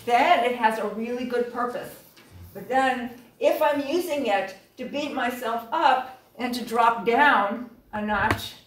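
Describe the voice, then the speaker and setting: A woman facilitating a group workshop, speaking calmly and reflectively with gentle pauses. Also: a little high. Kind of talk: guiding a group session. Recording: echoey room, distant mic.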